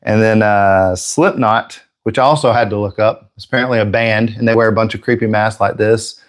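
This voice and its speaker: A man's voice: lowish voice, fairly even intonation, brisk. A man hosting a live airbrush painting stream, chatting casually and joking with viewers, slightly out of breath.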